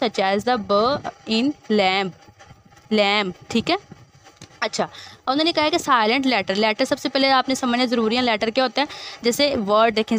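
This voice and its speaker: Patient woman teacher, slightly high voice. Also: fairly bright tone, a little hiss or hum. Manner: reads English text slowly, then explains it in Hindustani; patient, repeats key words. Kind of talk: classroom grammar lesson.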